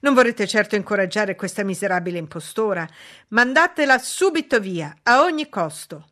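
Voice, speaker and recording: A woman's voice: high-pitched, lively intonation, a little fast, fairly bright tone, voice pushed up. A woman voicing an indignant, snobbish older aristocratic lady in a read-aloud novel, scolding sharply.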